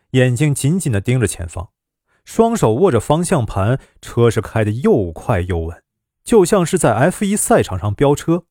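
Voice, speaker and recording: A man telling a story aloud with a lively, widely swinging voice that rises and falls through the tense scenes. His pitch sits in an ordinary middle range, and the recording is dry and close with no room sound. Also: dry recording. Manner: expressive, dramatic storytelling. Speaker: narrator. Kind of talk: story narration.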